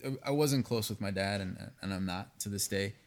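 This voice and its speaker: A pastry chef guest on a casual podcast, this American man, partly raised in Venezuela, talks candidly and with animation in a low voice. He speaks a little fast, swears freely, and restarts often.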